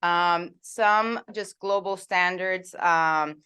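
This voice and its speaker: Smooth-voiced woman moderating a panel. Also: on the low side, sharp tone. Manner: many fillers, thoughtful pauses. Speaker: policy fellow and moderator. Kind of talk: panel discussion.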